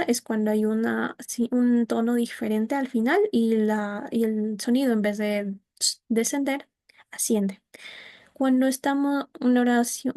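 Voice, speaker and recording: A woman's voice: a little high, mellow. Young woman giving a class talk. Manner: explanatory, with hesitations and restarts. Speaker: student presenter. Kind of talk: class presentation.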